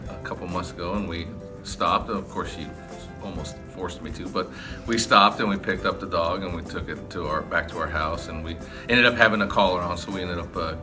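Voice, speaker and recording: A man in his forties with a very deep voice answers interview questions in a classroom. He hesitates and fills his answers with "like" and "uh". Music runs under him. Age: 40s. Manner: hesitant, lots of fillers. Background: background music.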